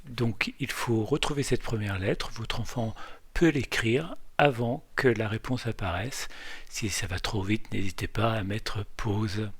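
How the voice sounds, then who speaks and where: A man teaching a phonics lesson for young children, calmly addressing parents and carefully sounding out each letter. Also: on the low side, unhurried, breathy edge, no echo. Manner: addresses parents directly, calm and patient.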